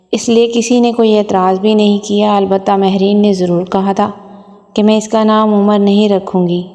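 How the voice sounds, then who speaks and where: A woman storyteller giving a steady, plain first-person story reading. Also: medium pitch. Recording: long reverb.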